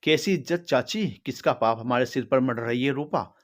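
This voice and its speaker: A man's voice: medium pitch, moderate pace, lightly acted. A man voicing an angry young woman who speaks accusingly.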